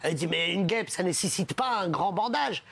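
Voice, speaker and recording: With a high, breathy-edged voice at a moderate pace, a man tells jokes on a comedy show. He is an animated teller who changes his voice for each character.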